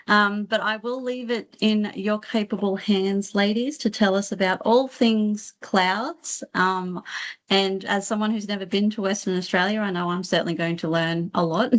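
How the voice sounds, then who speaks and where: A woman hosting an online session, introducing the guest speaker in a casual, admiring way over a video call. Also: medium pitch. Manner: warm, admiring, casual with fillers. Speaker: session host.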